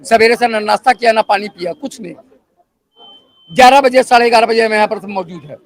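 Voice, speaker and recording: A man's voice: sits high, no room sound. A man waiting in a long queue outdoors, complaining angrily about repeated paperwork. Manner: angry complaining, rapid grievances. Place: outdoors on a street.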